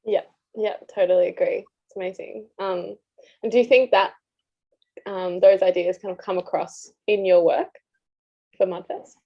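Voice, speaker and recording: A young woman hosting an interview, upbeat and quick with "amazing" and "fantastic" between questions. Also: medium pitch, fairly even intonation, husky. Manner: enthusiastic, repeats "amazing" and "fantastic". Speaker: interview host. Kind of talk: casual interview. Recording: dull lo-fi sound.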